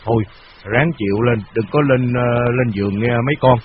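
A grumbling, fretful old man, as an audiobook reader plays him. He talks quickly in hurried bursts and complains. The recording is dull and lo-fi with faint hiss. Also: medium pitch, lightly acted.

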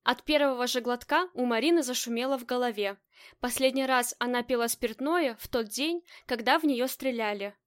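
A woman reading a romantic crime novel aloud in an even, storytelling manner. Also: fairly high pitch, moderate pace, no room sound, studio quality. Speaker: audiobook narrator. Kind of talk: scripted narration.

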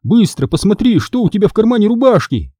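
A man reading aloud, voicing a frightened boy hero who shouts urgent pleas. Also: high voice, sing-song, fast, slightly rough, no echo, studio quality, pitched above the performer's own voice, exaggerated voice.

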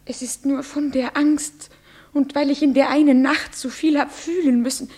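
An actress playing a frightened young bride who pleads in a breathy, often whispered voice, in a classic radio play. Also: female voice, sits high, flat delivery, normal speed, a little mellow, lightly acted. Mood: despairing. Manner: pleading, trembling.

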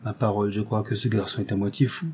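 A man's voice: on the low side, fairly even intonation, quick pace, darkish tone, breathy edge. A man reading a classic novel aloud, voicing an older baronet who questions his young wife fondly and a little reproachfully. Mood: puzzled. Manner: fond questioning, slightly reproachful. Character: older baronet, doting and fond husband. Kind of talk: audiobook character reading.

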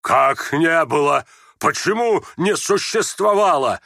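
A man reading aloud, voicing an old retired general who shouts, blusters and stammers. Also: mid-range voice, big pitch swings, takes it slowly, no room sound, clean studio sound. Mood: flustered. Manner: shouting, bellowing, stammering in confusion.

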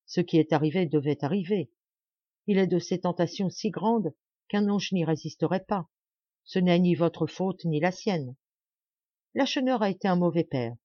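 A woman's voice: lowish voice, lively intonation, normal speed, dark tone, dry recording, lo-fi sound. A woman reading the part of a brave, grim young male peasant fighter who pleads solemnly and urgently.

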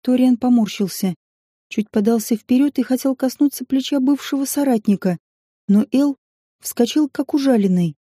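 A woman narrating a science-fiction audiobook in an even, measured reading. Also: high voice, no echo, studio quality.

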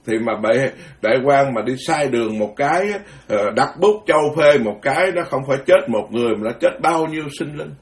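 A man's voice: medium pitch, lively intonation, fairly quick, hardly any pauses, distant mic. A male Buddhist monk gives a blunt, frank, scolding dharma talk and chants sutra verses.

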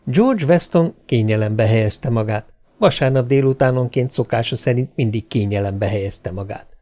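A man reading a novel aloud as an audiobook, in an expressive storytelling manner. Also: mid-range voice, slight background noise. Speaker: audiobook narrator. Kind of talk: scripted narration of a novel.

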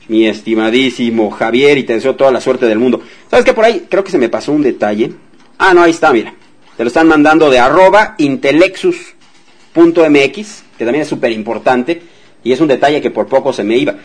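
A man's voice: mid-range voice, husky. A man hosts a radio advice show about debt. He talks in a casual, chatty way, speaks directly to his listeners and now and then acts out what they might say. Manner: conversational, addresses listeners directly, acts out example dialogues.

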